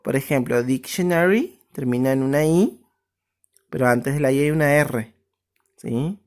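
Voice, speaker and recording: Slow, low-voiced woman teacher. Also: darkish tone. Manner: explains step by step, often checks with "¿sí?". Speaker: English teacher. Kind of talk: recorded online class.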